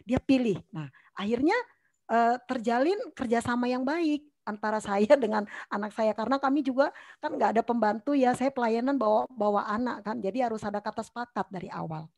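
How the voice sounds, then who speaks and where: A middle-aged woman pastor giving an online seminar talk on parenting, telling family stories with earnest warmth and acting out the dialogue. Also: on the high side, fairly quick, dry recording. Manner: storytelling, acts out family dialogue; earnest and warm, addresses listeners as Ibu. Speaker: pastor and guest speaker.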